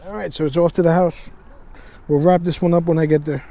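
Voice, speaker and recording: A man casually talking to viewers in a vlog, relaxed and chatty, at times out of breath. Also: fairly high pitch, quick pace. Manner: relaxed, chatty, addresses viewers as you guys. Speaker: e-bike vlogger. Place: outdoors on open roads.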